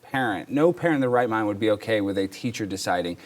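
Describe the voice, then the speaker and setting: A man co-hosting a talk show, joking and teasing in an animated way. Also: on the low side, quick pace. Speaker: co-host. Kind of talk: casual political talk show banter.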